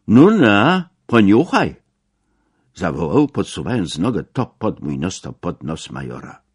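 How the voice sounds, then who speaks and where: A man narrating a memoir as an audiobook, measured, with dramatic swells. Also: sits low, a little mellow, slightly rough.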